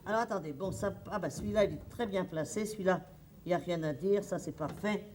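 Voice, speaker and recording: A stage actress playing a flustered, fussy middle-aged hostess in a comedy monologue, rambling theatrically to the audience. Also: female voice, on the low side, brisk, darkish tone, slight background noise, natural voice. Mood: fussing.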